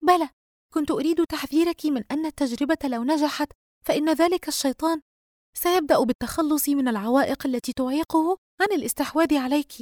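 A bewildered young woman friend voiced by a woman reader, pitched up high and sounding worried and breathless. The audiobook reading is close and dry. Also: fast talker, darkish tone, dry recording, lightly acted. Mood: anxious.

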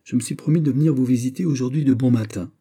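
A man voicing a shrewd, calm bishop who questions his host in a measured, quietly insistent way, in an audiobook reading. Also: medium pitch, husky, pitched above the performer's own voice. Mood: probing. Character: calm, shrewd male bishop, smoothly probing.

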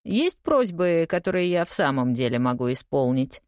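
A woman's voice: sits low, normal speed, no echo. A woman reading the part of a suave, unflappable English lawyer with dry, teasing wit in an audiobook. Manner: calm, teasing, deadpan.

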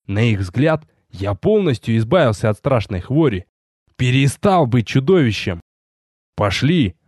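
A man narrating an audiobook in a measured, expressive way. His voice moves lively up and down in pitch and sits mid-range. The recording is dry and close. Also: no echo. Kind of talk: scripted first-person narration.

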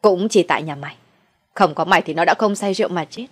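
Brief: harsh old village matriarch, scolding and cold, low and forceful, voiced by a female narrator. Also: quick pace, husky. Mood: scornful. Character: cruel older village woman, scornful and bossy.

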